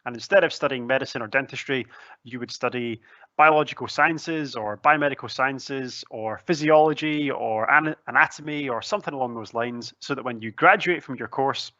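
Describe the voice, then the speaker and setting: Young scottish guy, thick broad accent, chatty presenter, bright clear-cut sound with no room echo. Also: medium pitch, muffled recording. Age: young adult. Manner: chatty, articulate, lightly humorous. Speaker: student recruitment officer giving a presentation. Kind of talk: conversational pre-recorded presentation. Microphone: headset, seen on webcam.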